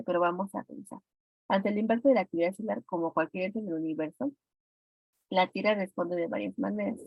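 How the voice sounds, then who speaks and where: A female teacher with a Mexican Spanish accent reviews an exam in class, working through answers step by step and calling on students with questions. Her mid-range voice is gravelly with a breathy edge, and the recording is dry, dull, and lo-fi.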